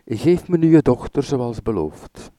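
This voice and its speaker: A man voicing a brash young male hunter who talks loudly and insistently in a raised voice. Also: lively intonation, a little slow, no room sound, natural voice. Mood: demanding. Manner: loud, insistent, raised pitch.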